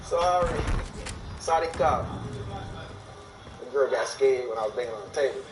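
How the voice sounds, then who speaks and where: A man's voice: medium pitch, normal speed. A man streaming a game while giving a boastful, profane, rambling talk, speaking from Thailand. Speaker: gaming streamer. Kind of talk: casual rambling monologue while gaming. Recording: echoey, distant mic, noisy background.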